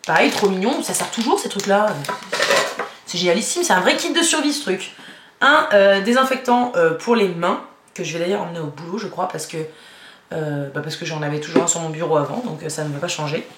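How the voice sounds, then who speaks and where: A woman's voice: fairly low pitch, a little fast. A young woman vlogger chatting casually about gifts, rambling and giggling, with many fillers. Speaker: beauty vlogger. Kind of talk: casual haul chat. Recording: echoey room with faint noise.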